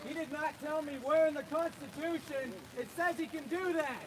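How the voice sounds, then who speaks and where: A man's voice: extremely high pitch, fairly even intonation, moderate pace, far from the mic, noisy background. A man challenging authority at a protest, insistent and repeating himself in a confrontational way. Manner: insistent, repetitive. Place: outdoors at a state capitol protest. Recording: outdoor recording amid loud crowd.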